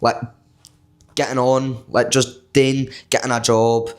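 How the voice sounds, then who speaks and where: Scottish man, medium-pitched, laid-back, sweary, agreeable, co-host in casual chat. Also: little pitch movement, takes it slowly. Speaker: podcast co-host.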